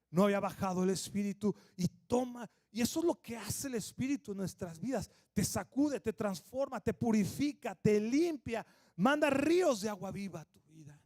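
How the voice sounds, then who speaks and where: A middle-aged man preaching a sermon at a church service, conversational and lively, acting out little quotes. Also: high voice, dry recording, clean studio sound. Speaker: pastor.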